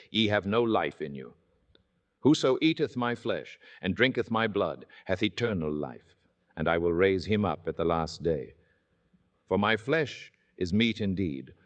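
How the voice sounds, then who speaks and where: Deep-voiced and solemn, a scripture reader declaims in dramatic old-time radio fashion, with the top frequencies cut off.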